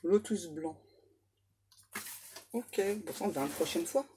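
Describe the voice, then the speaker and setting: A woman's voice: fairly low pitch, expressive, unhurried, mellow, a little hiss or hum. A woman medium giving a casual oracle card reading, chatty and self-mocking as she banters aloud with her spirit guides.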